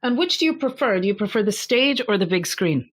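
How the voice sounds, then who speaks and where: A woman interviewing a guest in a conversational way, asking questions and softly following up. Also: mid-range voice, big pitch swings, brisk.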